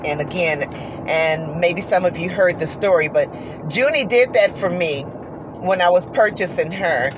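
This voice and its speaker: A woman telling a heartfelt story about her horse in an earnest, repetitive, folksy way, talking while riding in a car. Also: fairly low pitch. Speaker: horse owner vlogger. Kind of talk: casual monologue. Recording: steady road noise behind.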